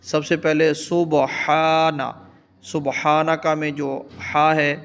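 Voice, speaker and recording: A male religious teacher with a Pakistani Urdu accent, explaining correct recitation and chanting example words slowly. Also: fairly high pitch, level tone, a bit bright, smooth, in a large hall. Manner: slow, drawn-out chanting of example words between quick explanations. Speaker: Islamic scholar teaching prayer recitation.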